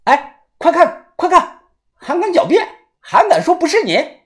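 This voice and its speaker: A man voicing an excitable, crude young man who yells fast accusations. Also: very high voice, pitched above the performer's own voice. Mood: accusing.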